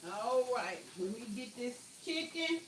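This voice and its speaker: High-voiced lady chatting to viewers while she cooks, slow and easy, faint sizzle behind. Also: animated, slight background noise. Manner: chatty, talks to viewers as "y'all", exclaims over the food. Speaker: cooking vlogger. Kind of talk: casual cooking chat. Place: home kitchen.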